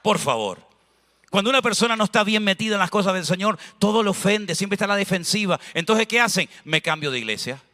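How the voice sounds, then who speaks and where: A man from Spain, preaching a lively sermon full of anecdotes as a pastor in a church. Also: high-pitched, fast talker, in a large hall. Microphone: handheld microphone.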